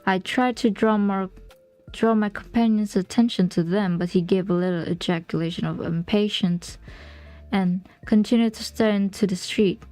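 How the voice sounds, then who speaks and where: A young woman reads a classic novel aloud to her stream. Her voice is soft and mellow at an even middle pitch, and she trips over a word now and then and corrects herself. Quiet music runs underneath. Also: normal speed. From Indonesia. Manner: stumbles on words and corrects herself. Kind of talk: reading a novel aloud on a livestream.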